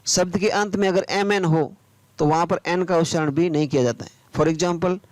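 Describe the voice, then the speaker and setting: A man teaching English pronunciation. He spells each word out letter by letter, then says it slowly, and asks the viewer questions that he answers himself. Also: high voice, fairly even intonation, no room sound. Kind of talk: spoken English pronunciation lesson.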